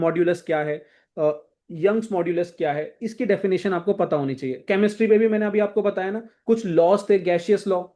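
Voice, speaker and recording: A man's voice: sits high, warm tone. A young man coaching students for an exam, going through textbook chapters in a casual, directive way and often checking in with his listeners. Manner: casual, directive, repeats "thik hai" to check in. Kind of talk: exam-prep lesson walking through a textbook.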